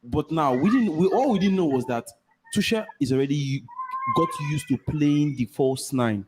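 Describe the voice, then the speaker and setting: Nigerian man, slightly high voice. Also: animated, normal speed, a crowd in the background. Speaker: football show panellist. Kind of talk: casual football analysis.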